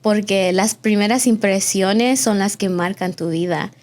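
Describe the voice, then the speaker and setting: Her voice is mid-range, a little mellow and a little slow. She is an early-twenties woman from Austin, Texas, of Mexican heritage, who hosts a conversational interview podcast effusively, using an English filler word here and there.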